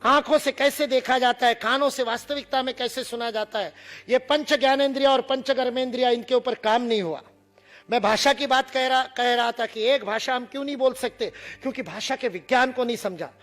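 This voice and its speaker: A man's voice: very high-pitched, steady tone, fairly quick, a bit bright. A man from India lecturing to students, demonstrating sounds and teasing the audience with humor.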